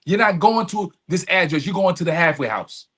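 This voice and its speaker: A man with a high-pitched, somewhat bright voice and lively intonation talks a little fast as a podcast guest. He relates personal experiences frankly and forcefully, using street slang and repeating himself, in an extended conversation.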